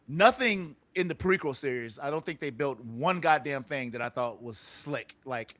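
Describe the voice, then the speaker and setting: Bright-voiced man in casual podcast chat. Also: mid-range voice, moderate pace, no echo. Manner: loose, swearing, animated movie talk. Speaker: podcast host.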